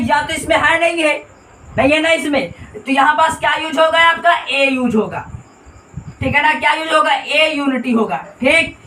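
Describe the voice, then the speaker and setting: Echoey, distant bright-voiced male teacher. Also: very high voice, a little hiss or hum. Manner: repetitive, quizzes listeners with questions. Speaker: English grammar teacher. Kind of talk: classroom explanation. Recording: echoey room, distant mic.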